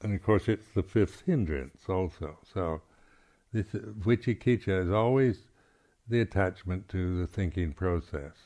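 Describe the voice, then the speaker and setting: His voice sits low and carries a dark tone. A Buddhist monk teacher, he gives a reflective talk at a meditation retreat with no script, speaking haltingly and clearing his throat often.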